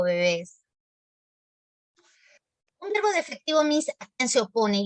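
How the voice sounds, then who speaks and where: Warm-toned teacher, high and dry. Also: female voice, no echo. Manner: explanatory, affectionate with pupils, checks understanding often. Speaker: language teacher. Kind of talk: online class lecture.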